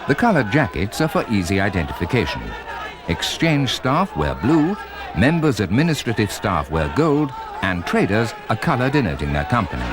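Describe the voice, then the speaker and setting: Male narrator with very animated intonation. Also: lowish voice, crowd noise. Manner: measured, formal presenter delivery. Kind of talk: scripted corporate documentary narration. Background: music.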